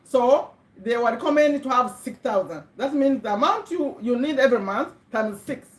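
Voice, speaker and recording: This middle-aged Ugandan woman, with a Ugandan accent, hosts a casual motivational livestream over a webcam. Her voice is on the high side, her intonation is lively, and she talks at a normal speed, chatting, checking in with viewers, and repeating words for emphasis. The room is echoey.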